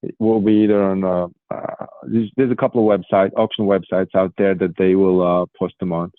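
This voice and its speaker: 40s guy from morocco on a call, tinny phone sound, lowish voice, lots of ums. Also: level tone, dry recording. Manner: earnest, frequent "um" pauses. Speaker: guest, pigeon racing federation official. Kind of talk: casual interview answers. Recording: tinny phone line, dry.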